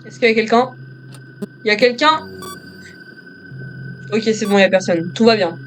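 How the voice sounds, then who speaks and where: A man's voice: high-pitched, normal speed, soft background music. A male gamer doing joking commentary on a horror game, talking to himself and to viewers as he plays.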